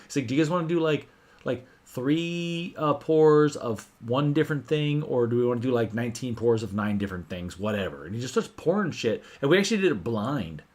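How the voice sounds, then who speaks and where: Guy hosting a whiskey live stream, hyped up, swears a lot, mid-pitched voice. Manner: excitable, swears freely, animated storytelling. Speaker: host of a whiskey livestream. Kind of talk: casual livestream chat.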